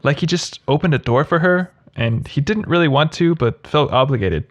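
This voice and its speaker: A man's voice: fairly high pitch, expressive, moderate pace, highs cut off. A man narrating scripted humorous commentary as a video host, in a sarcastic, mocking manner.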